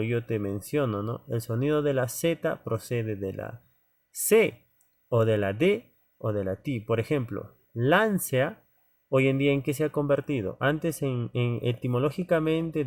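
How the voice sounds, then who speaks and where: Chatty male teacher. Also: mid-range voice. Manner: conversational, many "¿no?" tags and fillers; addresses students directly as "joven". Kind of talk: informal lecture to students.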